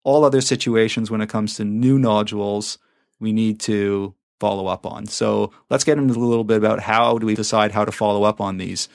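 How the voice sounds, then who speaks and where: An emergency physician who hosts a medical podcast talks in a relaxed interview style, explaining things, summarizing points, and asking questions. His lowish voice holds a steady tone with vocal fry, and he speaks a little fast.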